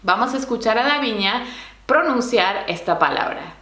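A woman's voice: a little high, animated, a bit bright, roomy sound. A woman teaching Spanish slang, explaining patiently and checking in with little questions. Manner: explains slowly, keeps asking "¿no?" and "¿sí?". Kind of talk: language lesson explaining slang.

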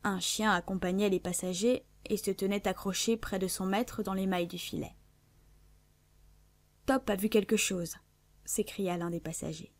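Woman reading an old adventure novel, steady careful delivery, dry close sound. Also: medium pitch, no echo. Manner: measured, clear literary reading. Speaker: audiobook narrator. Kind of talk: scripted narration of a classic novel.

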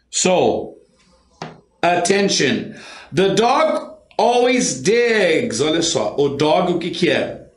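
A man's voice: fairly high pitch, echoey room. A man with a Brazilian Portuguese accent teaching an online English lesson. He talks emphatically, drills phrases by repetition and pushes learners to work hard.

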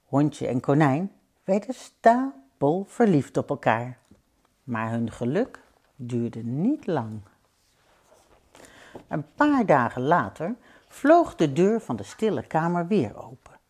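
A woman reads a children's picture book aloud in an unhurried, gentle way. Her fairly low voice is very lively, rising and falling with the story, and she adds playful sound effects along the way. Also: slightly rough.

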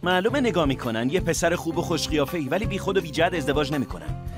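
An actor dubbing a calm but reproachful middle-aged family elder. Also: male voice, a little high, over music, lightly acted. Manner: reproachful, calming. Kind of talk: Persian TV drama dubbing.

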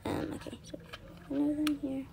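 A woman's voice: high voice, monotone, moderate pace, creaky, background noise. A woman narrating doll play in a home video, rambling and shrugging things off as she goes. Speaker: video creator.

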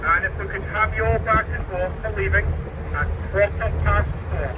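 A man giving calm, informative tour commentary and practical instructions to passengers on a boat. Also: sits high, moderate pace. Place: open boat at sea in wind. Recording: distant voice, loud wind and engine noise.

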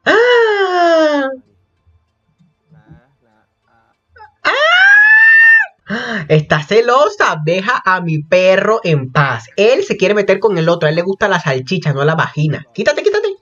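Shrieking, excitable young man, lo-fi. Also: high-pitched, normal speed, hardly any pauses. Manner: excitable, gossipy, bursts into shrieks. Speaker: reaction vlogger. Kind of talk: casual reaction commentary.

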